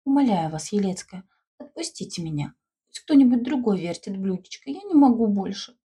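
A woman's voice: medium pitch, sing-song, brisk, warm tone, slightly rough. A woman voicing a small, frightened schoolgirl pleading to be let go.

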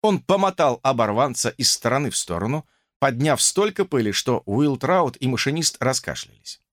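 A man's voice: medium pitch, very animated, moderate pace, a bit bright, no echo, clean studio sound. A man narrating an audiobook in a theatrical reading.

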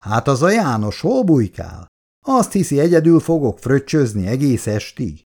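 A man's voice: medium pitch, big pitch swings, a little mellow, pitched above the performer's own voice. A man voicing a jovial, roguish old family friend who teases and grumbles reproachfully. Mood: jovial teasing.

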